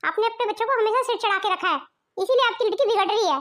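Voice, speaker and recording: An outspoken young daughter-in-law argues with sarcasm in a cartoon story, voiced by a woman. Her voice is extremely high and bright. She speaks her mind bluntly. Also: fast. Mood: quarrelsome. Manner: sarcastic, quarrelsome.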